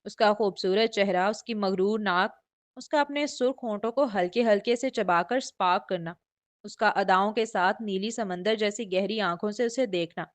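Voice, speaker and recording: A woman's voice: mid-range voice, normal speed. A woman narrating a romance novel in a flowing, descriptive storytelling manner. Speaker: audiobook narrator.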